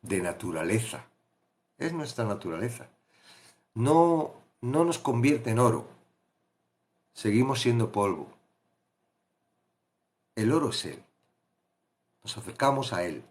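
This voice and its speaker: A man's voice: medium pitch, very animated, takes it slowly, pauses often, a little mellow. A man with a Peninsular Spanish accent teaching a Bible study, talking conversationally and asking rhetorical questions. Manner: conversational, asks rhetorical questions, acts out pleading voices.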